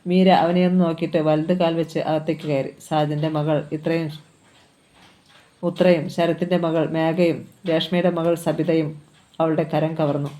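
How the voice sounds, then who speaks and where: A reader narrating a novel aloud in a steady storytelling manner. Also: mid-range voice, moderate pace.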